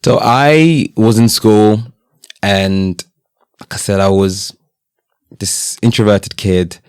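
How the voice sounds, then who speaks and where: A man's voice: fairly low pitch, steady tone, slow, darkish tone, clean tone, no echo, studio quality. A young man born in Italy, speaking, candidly telling his life story as an interview guest. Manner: candid, storytelling, slang-laced. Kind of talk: casual interview.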